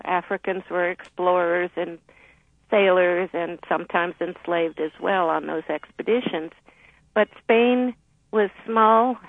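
A woman historian who grew up in the Dominican Republic, explaining history in a measured, thoughtful way as a radio guest. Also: fairly low pitch, no echo. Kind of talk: radio interview, phone-in guest. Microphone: telephone. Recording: tinny phone line.

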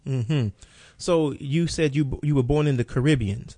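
A man's voice: medium pitch, moderate pace, dark tone, no echo. A man hosting a radio program, talking in a casual, rambling way as he sets up questions for a guest. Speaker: radio show host. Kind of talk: radio interview.

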